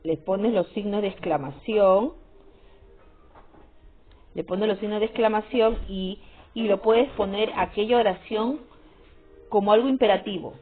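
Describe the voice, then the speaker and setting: A woman's voice: medium pitch, a little slow, long pauses, slightly rough. A woman teaching a grammar lesson, often checking understanding with short questions. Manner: repetitive, checks with frequent "¿sí?" and "¿no?". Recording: tinny phone-like sound with faint music.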